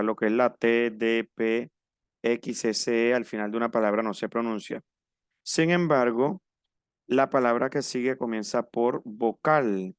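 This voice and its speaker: A man teaches an online French class to Spanish speakers, explaining patiently and spelling out pronunciation. His mid-range voice is clear and resonant, captured in a dry, studio-quality recording.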